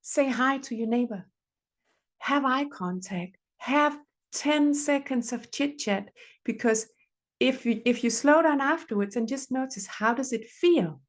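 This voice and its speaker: Woman, middle-aged, fairly high voice, earnest, repeats for emphasis. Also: a little slow. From Denmark. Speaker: relationship therapist, podcast guest. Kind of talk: reflective conversational advice.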